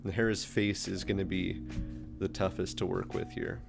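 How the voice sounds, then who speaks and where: A man's voice: low-pitched, little pitch movement, moderate pace, creaky. A man streaming live, chatting casually and thinking aloud with ums while he works through a design. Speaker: streamer and engineering teacher. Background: background music.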